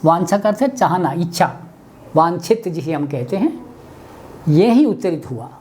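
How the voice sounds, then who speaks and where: A man giving a webinar lesson on pronunciation, spelling out letters one by one as he writes them and explaining each step deliberately. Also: on the high side, animated, darkish tone, a little hiss or hum. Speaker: Hindi language teacher.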